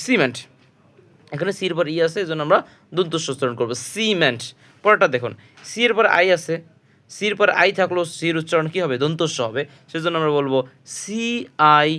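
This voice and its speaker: A man with a Bangladeshi Bengali accent gives a spoken English pronunciation lesson, his voice sitting a little high. He works patiently and repetitively, spelling words letter by letter. He poses a question to the class and then answers it himself. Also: a bit bright. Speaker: English teacher.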